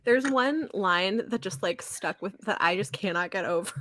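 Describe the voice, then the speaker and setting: A woman's voice: mid-range voice, lively intonation, normal speed, background noise. A woman in her mid-thirties co-hosting a book podcast, chatting in a casual, incredulous way. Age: 30s. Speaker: podcast co-host.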